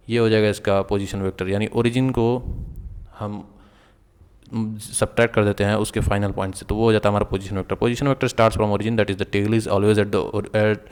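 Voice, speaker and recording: A man's voice: lowish voice, clear, resonant tone, in a large hall. A man teaching a physics lesson online, explaining step by step, mixing English into Hindi and often checking that viewers follow. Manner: mixes English terms and sentences into Hindi. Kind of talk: online lecture.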